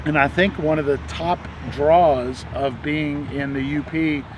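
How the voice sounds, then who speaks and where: A man's voice: a little high, steady tone, unhurried, noisy background. A man talking candidly to camera in a casual RV travel vlog, reflective and frank. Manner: candid, reflective, soft-spoken asides. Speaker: RV travel vlogger.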